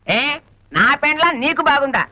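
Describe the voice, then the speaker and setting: Snappy Malayali husband, forties, suspicious and gruff; high and bright, dry sound. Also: male voice, big pitch swings, moderate pace, dry recording, lo-fi sound, exaggerated voice. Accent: Malayali Telugu. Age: 40s. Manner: jealous, snappy retorts. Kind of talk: film comedy scene.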